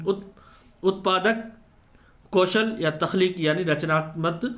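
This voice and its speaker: A man's voice: on the high side, fairly bright tone. A man giving an exam-prep lecture, who explains step by step and answers his own questions. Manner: slows down to spell out letter sounds. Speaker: teacher.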